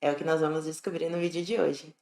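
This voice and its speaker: A young woman with a Brazilian Portuguese accent, explaining English to camera in a clear, friendly teaching tone. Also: sits low, steady tone, fast talker. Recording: echoey room with faint music.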